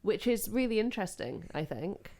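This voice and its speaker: A woman co-hosting a podcast in loose, casual chat. She giggles often mid-sentence. Her pitch bounces around a lot. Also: big pitch swings, normal speed, creaky, mellow. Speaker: podcast co-host.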